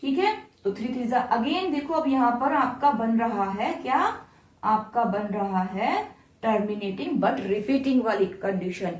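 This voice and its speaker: A woman's voice: on the high side, lively intonation, slow pace, darkish tone, echoey room, recorded from a distance. A woman teacher, patiently walking students through each step and asking them questions. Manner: patient, repeats steps and asks the class questions. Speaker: math teacher. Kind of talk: explaining math steps to students.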